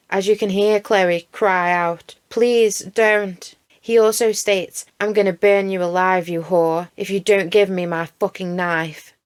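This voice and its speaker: A woman's voice: medium pitch, clear, resonant tone. A woman hosting a true crime channel, recapping a case with outraged, emphatic commentary and swearing.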